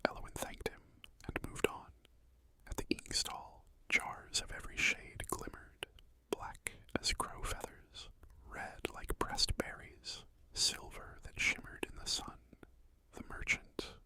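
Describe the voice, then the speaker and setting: A storyteller narrating an ASMR bedtime story in a hushed, soothing whisper, pausing often between phrases. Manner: slow, hushed, soothing delivery with pauses.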